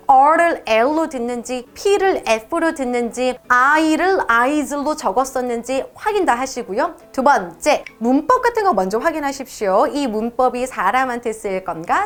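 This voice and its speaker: A woman teaching a test-prep lesson, speaking emphatically and slowing down to model pronunciations. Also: sits high. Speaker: TOEIC English instructor.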